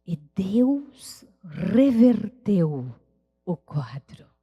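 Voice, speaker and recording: Woman, missionary preacher, earnest testimony, unhurried, church hall reverb. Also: medium pitch, dark tone, slightly rough. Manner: earnest, heartfelt storytelling with prayerful pauses. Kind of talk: sermon testimony. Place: church service.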